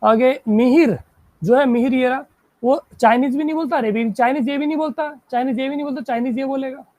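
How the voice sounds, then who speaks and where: Teaching reasoning live online, this woman has a high-pitched voice with a darkish tone, captured in a dry recording. Each English question is read slowly before she explains it in Hindi, and she keeps praising her students and asking whether it makes sense.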